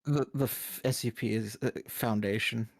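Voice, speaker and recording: A man's voice: fairly low pitch, fairly even intonation, normal speed, vocal fry, no room sound. A man playing a tabletop game, speaking bluntly and dryly. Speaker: player. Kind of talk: tabletop game role-play.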